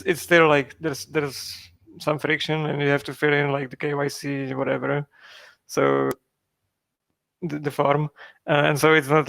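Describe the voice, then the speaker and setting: A man's voice: fairly high pitch, vocal fry, fairly bright tone, dry recording. A man, a project founder from Czechia, answering interview questions in a rambling way with many fillers and restarts.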